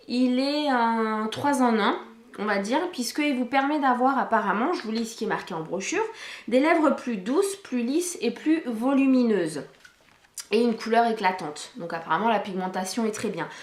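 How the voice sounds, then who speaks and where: Woman, fairly high voice, casual review vlog, chatty with fillers, camcorder mic, echoey room. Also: moderate pace. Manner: chatty, with many fillers and restarts. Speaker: beauty product reviewer. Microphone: camcorder microphone.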